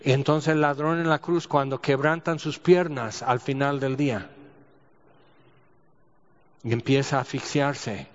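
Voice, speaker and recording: A man's voice: medium pitch, steady tone, unhurried, pauses often. A man preaching a sermon, telling stories and asking rhetorical questions. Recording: dull audio with long hall reverb.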